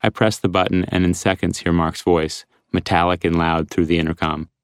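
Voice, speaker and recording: Male audiobook narrator for a first-person memoir: measured and even, flat delivery, dry close recording. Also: sits low, clean tone, no echo.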